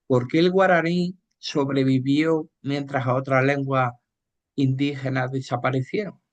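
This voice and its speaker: A man's voice: mid-range voice, fairly even intonation, unhurried. A male radio host who puts short, direct questions to his guest.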